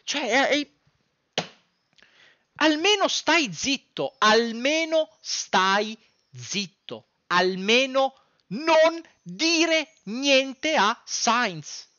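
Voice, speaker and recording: With big pitch swings and drawn-out words, this sports content creator's very high-pitched voice comes across bright and forceful as he fires heated, profane, exasperated commentary at the camera, repeating phrases for emphasis. He's in a small, dim room at home, and the audio is dull with no echo.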